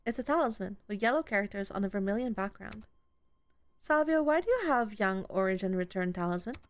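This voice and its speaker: Playing through a visual novel, a woman reads its text with expression and keeps interrupting herself with exclaiming remarks and casual cursing. Her voice sits at medium pitch, is expressive, and moves a little fast.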